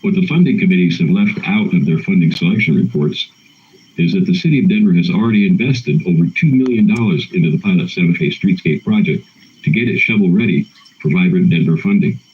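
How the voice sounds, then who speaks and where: A man with a very low voice reads a prepared public comment. He is earnest, formal and emphatic, and stumbles now and then. The sound is slightly dull, like a remote meeting connection. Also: expressive, fast talker. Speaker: arts council executive director, public commenter. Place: remote call into a council meeting.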